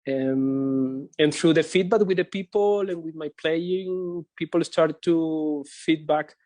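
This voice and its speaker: Man from Colombia, higher-pitched voice, dry close sound, halting fillers, video call. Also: darkish tone, no echo. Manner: hesitant, halting non-native phrasing with many fillers. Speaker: composer and guitarist. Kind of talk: casual spoken introduction.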